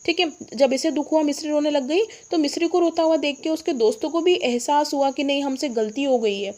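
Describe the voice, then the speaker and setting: High-voiced woman teaching children. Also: a little fast, a little mellow. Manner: asks the class rhetorical questions. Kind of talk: explaining a story lesson to children.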